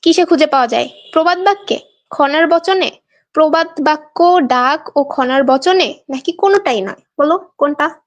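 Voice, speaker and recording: Speaking at a normal speed in a high voice, a young Bangladeshi woman runs a live online exam class, chatting and coaxing her students while reading their answers aloud. The recording sounds muffled.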